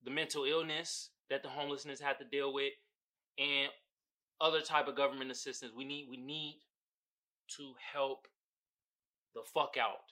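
A man hosting his own podcast, ranting in a casual, profane, animated way that rambles. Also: medium pitch, normal speed, long pauses. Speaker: podcast host.

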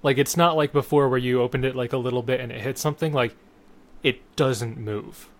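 A man's voice: mid-range voice, fairly even intonation, brisk. A man narrating a tabletop game as game master, describing the scene to his players.

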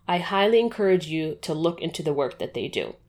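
Low-voiced woman hosting a podcast. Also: very animated, a little fast, a little mellow. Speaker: podcast host. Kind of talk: scripted intro then interview.

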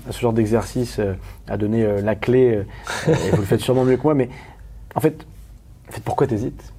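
A man from Paris, a guest talking candidly in an interview, rapid and emphatic with many restarts and questions to the listener. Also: mid-range voice, warm tone, husky. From Paris, France.

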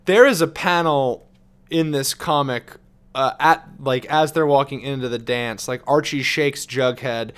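A man co-hosting a podcast, talking casually with lots of swearing and excitable outbursts. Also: medium pitch, unhurried, smooth. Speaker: podcast co-host.

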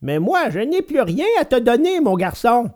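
A woman voicing a patient, kindly old woodcarver in a storybook reading, slow and gentle, giving little lessons. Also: on the high side, big pitch swings. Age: older.

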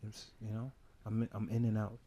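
A man's voice: lowish voice, completely flat delivery, normal speed, background noise. A man co-hosting a podcast, talking in a swaggering, profane, slangy manner. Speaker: podcast co-host. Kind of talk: casual banter.

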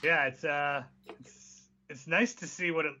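A man chats casually on a sports podcast panel. His voice is strikingly bright and sharp, a bit higher than average. The recording is slightly lo-fi. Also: unhurried, a little hiss or hum. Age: under 42.

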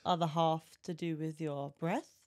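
A woman's voice: low-pitched, fairly even intonation, a little slow, a little mellow, no echo, clean studio sound. A British woman co-hosting a podcast, chatting playfully and laughing often. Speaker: podcast co-host. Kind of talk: casual chat.

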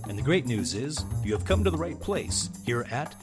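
A man announcing a show intro with scripted, emphatic promotional narration in a sales-pitch style. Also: sing-song, normal speed. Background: loud music bed.

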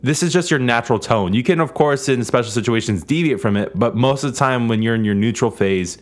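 A man co-hosting a casual podcast, animated and a bit excitable, swearing casually. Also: medium pitch, a little fast. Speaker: podcast co-host. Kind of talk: casual chat.

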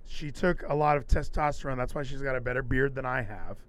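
A man hosting a podcast with casual comedic commentary, ranting in an animated, sarcastic way. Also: medium pitch, brisk. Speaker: podcast host.

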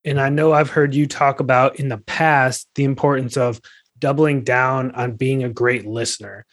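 A man hosting a podcast, asking measured, polite questions and closing the show. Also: mid-range voice, fairly even intonation. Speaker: podcast host.

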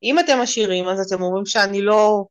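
A woman in a group, earnestly sharing a personal story, halting and full of fillers. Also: mid-range voice, clean tone. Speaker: group participant.

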